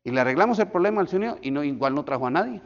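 A man's voice: a little high, racing. Pastor guy in his 40s preaching, acts out the voices, dull lo-fi sound. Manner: animated, acts out quoted voices. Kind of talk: sermon. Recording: echoey hall, dull lo-fi sound.

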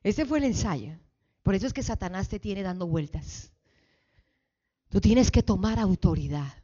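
A woman pastor leading a call-and-response sermon, fervently exhorting the congregation and building to shouts. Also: mid-range voice, lively intonation, a little slow, highs cut off. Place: church sanctuary.

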